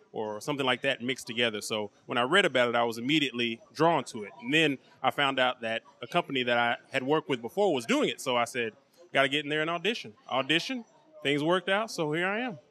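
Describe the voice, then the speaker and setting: A man being interviewed as an actor, speaking casually in a measured, earnest way. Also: mid-range voice, bright, forceful tone. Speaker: actor interviewed at a film premiere. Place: film premiere red carpet.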